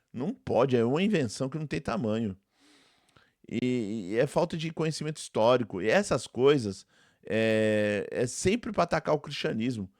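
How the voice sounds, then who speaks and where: A man's voice: medium pitch, no room sound, clean studio sound. A Brazilian man, a theology professor, hosting a reaction commentary in a conversational way, repeating his points and talking straight to his viewers. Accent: Brazilian Portuguese. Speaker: theology professor and channel host.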